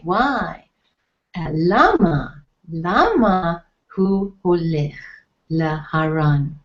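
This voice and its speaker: A woman's voice: sits low, a little mellow. A middle-aged woman teaching a Hebrew lesson, patiently spelling out letters and sounds. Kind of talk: slow, deliberate online lesson. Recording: dull lo-fi recording.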